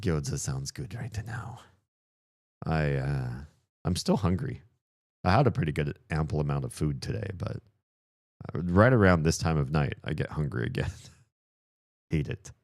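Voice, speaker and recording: A man's voice: very deep voice, lively intonation, unhurried, pauses often, darkish tone, no echo, studio quality. A man streaming a game, chatting casually in rambling, self-deprecating asides. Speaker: streamer voicing game characters.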